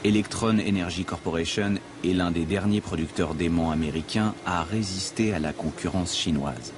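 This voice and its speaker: A man narrating a documentary in a measured, dramatic scripted voice-over. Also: deep voice, noisy background. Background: music.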